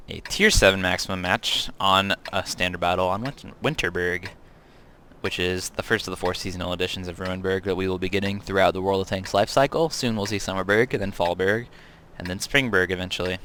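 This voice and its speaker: Low-voiced man narrating tank gameplay. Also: smooth. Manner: casual, chatty, self-correcting with ums. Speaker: game reviewer. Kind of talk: gameplay commentary over replays. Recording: tank game sounds loud behind voice.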